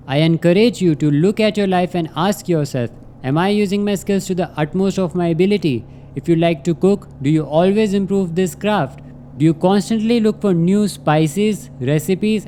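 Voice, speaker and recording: Male motivational vlogger, earnest scripted delivery, relaxed dark-soft tone, light vehicle noise behind. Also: high-pitched. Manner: earnest, instructive, measured declarative delivery.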